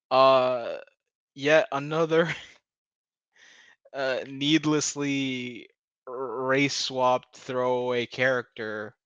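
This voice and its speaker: Speaking at medium pitch, his voice a bit bright and smooth, this video commentator delivers a sweary, laughing rant recapping a TV episode, often poking fun at it. He parodies quoted lines aloud, and the recording is muffled with no room sound.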